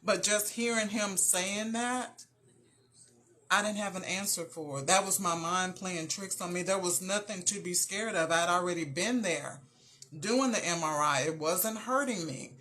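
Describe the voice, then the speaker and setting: A woman's voice: on the low side, measured pace, bright, forceful tone. A woman hosting a show, giving an earnest, encouraging faith-based talk and speaking straight to her listeners. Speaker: motivational show host.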